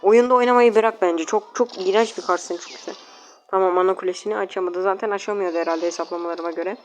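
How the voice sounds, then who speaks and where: A woman's voice: lowish voice, steady tone, quick pace, a little hiss or hum. A woman casually commenting on her own mobile game matches, talking to viewers and opponents, grumbling, exasperated and self-mocking. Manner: self-mocking, jokey asides.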